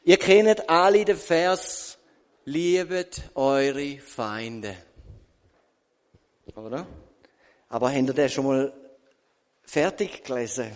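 A man's voice: mid-range voice, takes it slowly, pauses often, in a large hall. A man with a Swiss German accent giving a sermon testimony, telling his story with quoted asides and rhetorical questions. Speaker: preacher.

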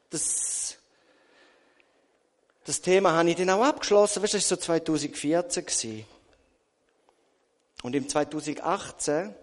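A Swiss German man preaches in a church hall, his slightly raised voice trailing off into a long reverb. He tells his story in a lively way, full of quoted asides and questions put to the congregation. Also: a little high. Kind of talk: sermon testimony.

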